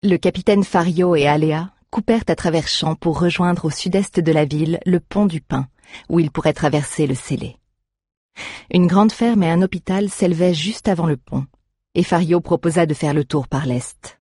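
An audiobook narrator reading a story in an even, measured way. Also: mid-range voice, husky, no room sound, clean studio sound. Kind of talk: scripted narration.

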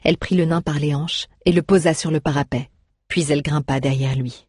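A woman reading a fantasy story aloud in a measured, expressive way. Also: deep voice, breathy edge, no room sound, studio quality. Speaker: audiobook narrator. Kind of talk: scripted storybook narration.

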